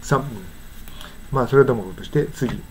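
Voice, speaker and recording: An older Japanese man with a medium-pitched voice gives a casual English pronunciation lesson against a noisy background. He patiently repeats words slowly to demonstrate how they sound.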